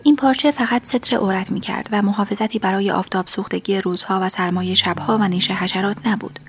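A woman reading a first-person story aloud as an audiobook, in a soft delivery that often drops to a half-whisper. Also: medium pitch, steady tone, a little hiss or hum. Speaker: audiobook narrator.

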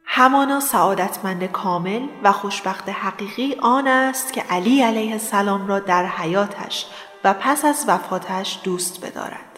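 A woman's voice: medium pitch, lively intonation, soft background music, close to an everyday voice. A woman playing a frail dying woman, faint and echoing. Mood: faint, tender. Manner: faint, slow, effortful speech. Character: frail bedridden woman, gentle, near death. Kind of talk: audio drama acting. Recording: reverberant, long hall echo.

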